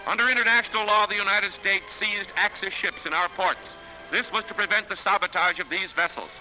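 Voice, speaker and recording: A man's voice: high voice, brisk. A man giving dramatic, emphatic 1940s narration on an old newsreel soundtrack. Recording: dull lo-fi 1940s film soundtrack with music.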